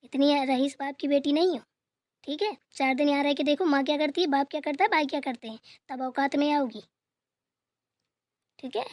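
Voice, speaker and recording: A woman's voice: sits high, moderate pace, pauses often, darkish tone, no room sound, lightly acted. A woman voicing a strict lecturing mother. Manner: lecturing, preachy. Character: strict middle-aged mother, lecturing daughter.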